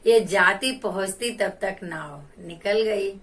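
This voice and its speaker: A woman tells a Shiva devotional story at an unhurried, deliberate pace, circling back over each phrase. Her voice sits at an ordinary pitch and sounds a bit far from the microphone. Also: fairly bright tone. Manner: slow, repetitive retelling. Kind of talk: religious folk storytelling.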